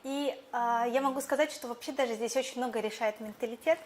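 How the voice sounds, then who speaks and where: A young female teacher, a native Buryat speaker, takes jury questions as a competition contestant, replying thoughtfully with fillers and restarts. Her voice is on the high side and her pace is brisk.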